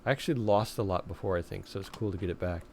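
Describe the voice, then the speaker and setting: A man streaming a game live, chatting casually and reading the in-game dialogue aloud while his voice is going hoarse. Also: deep voice, rapid-fire, darkish tone, slight background noise. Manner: casual, chatty, laughs often, reads dialogue in plain voice. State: losing his voice, coughing.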